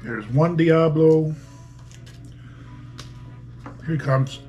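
A man's voice: a little high, measured pace, dark tone, highs cut off, faint music behind. A man vlogging an eating challenge at home, chatting and joking between mouthfuls. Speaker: beer review vlogger. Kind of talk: casual eating challenge vlog.

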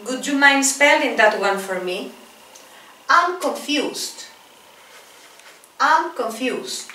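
A woman in her forties with a Spanish accent teaches English phrases at a whiteboard in a small classroom, repeating each one slowly and clearly as she drills them in a bilingual lesson. Her voice sits high, pushed and bright. The camera audio is roomy and distant.

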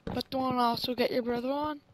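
An eager, excitable woman chatting with a friend over game voice chat. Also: sits high, very fast, a crowd in the background. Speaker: player. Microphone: voice chat mic. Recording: voice chat with faint noise.

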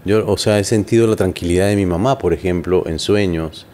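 A man hosting an interview, conversational, with quick short acknowledgements. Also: sits low, darkish tone. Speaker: host. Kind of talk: casual interview.

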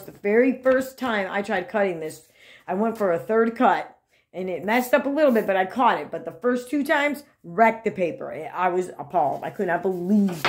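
A woman talking casually to her camera about her hair and a paper craft, chatty and self-deprecating, with many restarts. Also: medium pitch. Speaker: crafting vlogger.

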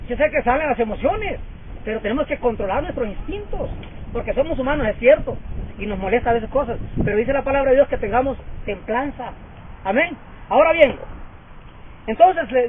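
A man's voice: very high-pitched, slight background noise. A man in his fifties preaching a fervent sermon and calling out for amens. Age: 50s. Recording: tinny phone-like sound.

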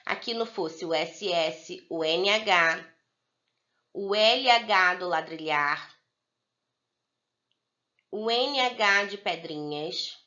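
A Brazilian woman teaching young pupils in a recorded video lesson, slowly spelling out words for the children. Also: on the low side, sharp tone, lo-fi sound. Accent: Brazilian Portuguese. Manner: slow, drawn-out word-by-word dictation for young pupils. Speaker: primary school teacher.

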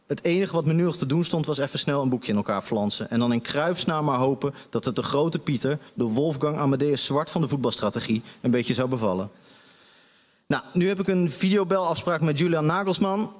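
A man's voice: on the high side, brisk, long reverb tail. A man giving a live reading of a satirical comic story on a stage, with dry, wry narration. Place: stage of a debate venue.

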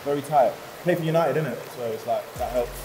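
A London-accented man in his twenties, a quiz contestant, trades playful, teasing slang while sitting in a tub of water in a large tiled pool room. He talks fast at a medium pitch, and the echoey hall adds background noise and music.

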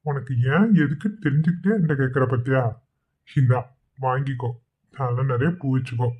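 Man playing a young village husband, cartoon, soft and coaxing, middle pitch, thin phone-like sound. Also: brisk, slightly rough, close to an everyday voice. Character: young village husband, loving and easygoing farm worker.

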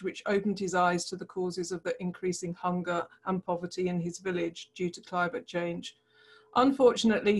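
Woman reading out a pitch, flat even tone, steady. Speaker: pitch presenter. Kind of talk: prepared pitch.

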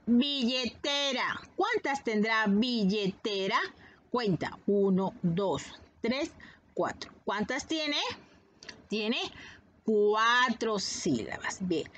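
A woman teaching a reading lesson to young children, sounding out each syllable slowly and encouraging them warmly. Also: a little high, animated, highs cut off, slight background noise.

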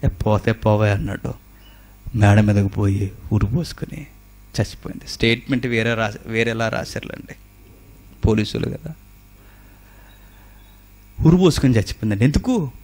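A man preaching a sermon. He fires rhetorical questions at his listeners and swings between loud exclamations and quiet storytelling. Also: lowish voice, normal speed, pauses often.

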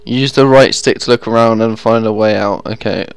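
Soft-spoken young gaming YouTuber. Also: male voice, lowish voice, steady tone, normal speed, clear, resonant tone. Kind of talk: casual let's-play commentary.

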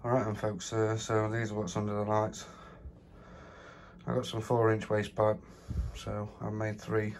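A man with a low, monotone voice talks casually through a phone walk-through of his plot, full of fillers. Wind and outdoor noise sit clearly behind him. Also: unhurried. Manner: chatty, plain-spoken, full of fillers. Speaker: allotment vlogger. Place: windy allotment outdoors, then a room at home.

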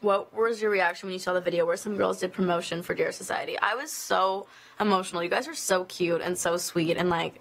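A young woman, a singer, chatting casually on a live stream, reading fan questions aloud and answering with lots of "like" and quick laughs. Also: lowish voice, gravelly. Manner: chatty, giggly, filler-heavy with frequent "like". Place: indoors at an office.

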